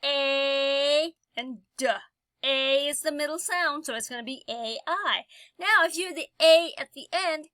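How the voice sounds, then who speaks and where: A woman teaching a phonics lesson, slowly sounding out vowel sounds and stretching each one out for the learner. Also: high voice, animated, pushed and bright, no echo. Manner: slow, drawn-out sounding of vowels.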